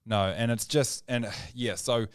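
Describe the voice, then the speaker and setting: A mid-range, smooth voice belongs to this New Zealander, who co-hosts a relaxed sports podcast and hammers home his views with growing energy. Though emphatic, he talks a little slowly with fairly even intonation, in a dry, clean studio recording.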